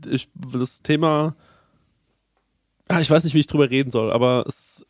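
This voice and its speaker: A man's voice: mid-range voice, normal speed, a little mellow, no echo, clean studio sound. A man telling a story in a casual podcast chat, acting out his own exclamations. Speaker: podcast host.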